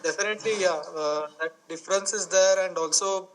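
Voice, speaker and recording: Man, halting guest on a call, faint noise. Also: high-pitched. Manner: halting, many uh fillers. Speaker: panel guest. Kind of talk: casual group conversation. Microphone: video call.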